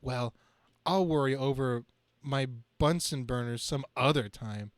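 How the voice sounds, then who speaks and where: A man's voice: mid-range voice, a little slow, no room sound, lightly acted. A man voicing a wisecracking young superhero and student, narrating his own action dramatically in a comic book reading. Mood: musing. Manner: quippy, dramatic self-narration.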